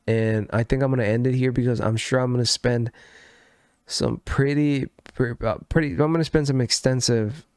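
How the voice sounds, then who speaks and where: A man with a congested, stuffy voice hosts a solo gaming news show in loose, rambling commentary. He corrects himself mid-sentence and swears without a second thought. His voice sits at an ordinary pitch and is recorded dry and close, with no room sound. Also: steady tone, moderate pace, darkish tone, clean tone, no room sound. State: sick and congested. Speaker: gaming news podcast host.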